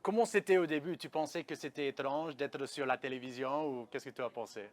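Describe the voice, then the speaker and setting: A man's voice: mid-range voice, a little fast. A man, hosting and narrating a documentary interview. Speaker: host and interviewer.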